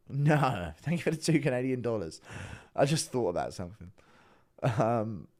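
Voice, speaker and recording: A man hosting a casual livestream, chatting to viewers with sweary, blunt banter and often breaking into giggling laughter. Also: mid-range voice. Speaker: livestream host.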